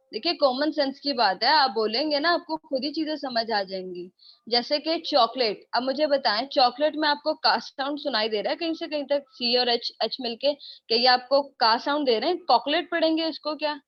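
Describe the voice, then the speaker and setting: A young woman teaching English in a live online class, brisk and mildly scolding, repeating her points while she reads out students' questions. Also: sits high. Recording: dull lo-fi audio.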